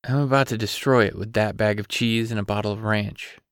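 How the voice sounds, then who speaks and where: A guarded, dry-humored father who talks low and quietly, read by a male audiobook narrator. His voice is low-pitched, smooth and clear. The recording is close and dry. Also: fairly even intonation, a little fast, no room sound, close to an everyday voice. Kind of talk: audiobook character reading.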